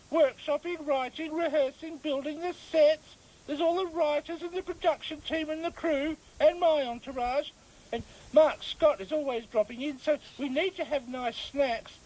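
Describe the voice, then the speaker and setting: A performer voicing a chatty, self-important male dog in a radio comedy sketch, in a squeaky put-on voice. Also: a little mellow, natural voice, low-quality recording.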